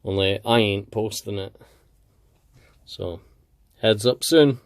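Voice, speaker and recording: A channel host with a lowish voice rants angrily to camera in a vlog, heated and confrontational, repeating himself as he complains. He speaks slowly, and the recording is dry.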